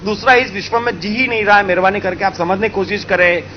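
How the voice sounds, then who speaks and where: Guy from india telling a story, high voice, dull muffled recording, faint traffic behind. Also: quick pace. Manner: animated, acting out story characters. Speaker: spiritual speaker. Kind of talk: storytelling talk.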